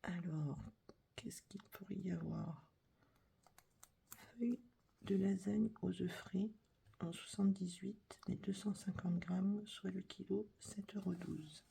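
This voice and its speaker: A woman reading a catalogue as whispered ASMR, her voice breathy and very husky, with a heavy gravelly edge. She takes it unhurried and soft, adding chatty little asides between items. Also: medium pitch. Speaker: catalogue reader.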